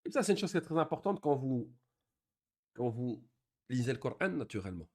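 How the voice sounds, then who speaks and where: A man's voice: mid-range voice, big pitch swings, a little mellow. Patient man teaching Arabic reading. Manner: patient, explains step by step, reads Arabic examples slowly then explains in French. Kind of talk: online Arabic reading lesson.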